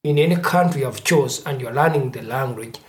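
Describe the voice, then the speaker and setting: A person from Uganda who runs an organization, speaking in a measured, reflective way in a discussion. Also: mid-range voice. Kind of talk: conversational discussion.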